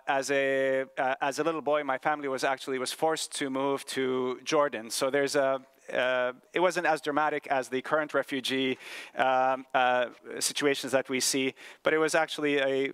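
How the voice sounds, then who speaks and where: A middle-aged man from Palestine gives a talk at a medical conference, pausing often on fillers and restarting his sentences. His voice is smooth and resonant at an ordinary pitch. He is captured on a close, dry microphone with almost no room sound. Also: level tone, fairly bright tone, no room sound. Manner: halting, many fillers and restarts. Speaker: pediatrician presenting at a medical conference. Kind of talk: conference presentation.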